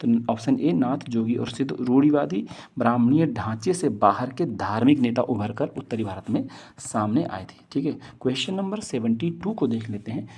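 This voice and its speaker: Man, teacher, mellow warm voice, reads quiz options, explains answers. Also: mid-range voice, expressive, moderate pace, breathy edge. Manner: reads each question and options, then explains the answer with repetition; mixes in English words and phrases. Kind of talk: exam question walkthrough.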